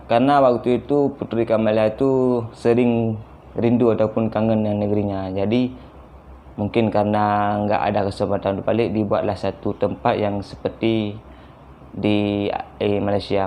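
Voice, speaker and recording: A young man from Aceh, casually talking to viewers about a video he just watched, often pausing to search for words. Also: lowish voice, flat delivery, mellow, slight background noise. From Aceh, Indonesia. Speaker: reaction video host.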